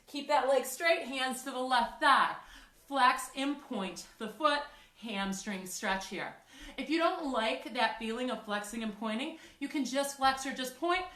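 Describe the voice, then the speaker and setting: Breathless high-voiced woman fitness instructor. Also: fairly bright tone. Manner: encouraging, counting down reps. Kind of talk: workout class instruction. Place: fitness studio. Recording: echoey room, mic at a distance.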